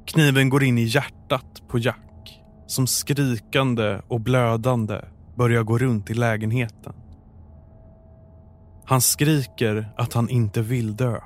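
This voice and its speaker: A man narrating a true crime story in a calm, measured, scripted way. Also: mid-range voice.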